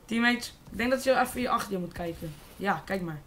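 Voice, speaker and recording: A Dutch teenage boy giving casual, excitable live commentary on a shooter game and swearing freely. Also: high-pitched, brisk, a little hiss or hum. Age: teens. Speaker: gaming YouTuber.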